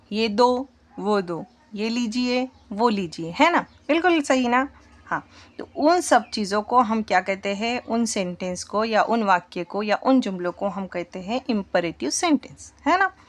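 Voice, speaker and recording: A woman teaching a spoken English lesson in Hindi, patiently quizzing her students as she goes. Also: on the high side. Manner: slow, patient, asks the class questions.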